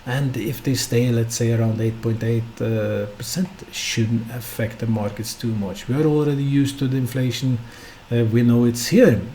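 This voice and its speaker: A Norwegian man who speaks English as a second language hosts a solo stock market podcast, talking unscripted at normal speed with many hesitations and fillers. His medium-pitched voice is dark and steady in tone, he keeps putting rhetorical questions to the listener, and there is slight background noise.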